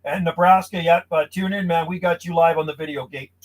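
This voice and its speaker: A man's voice: fairly high pitch, steady tone, fairly quick. A man chatting casually as a CB radio operator and host, talking in a friendly buddy-to-buddy way from a small radio shack. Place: small insulated radio shack outdoors from the house.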